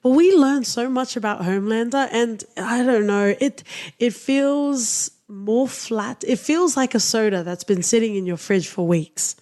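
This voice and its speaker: A woman's voice: on the high side, a little slow, darkish tone. A woman co-hosting a casual podcast, reviewing a TV series in an opinionated, teasing way. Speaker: podcast co-host.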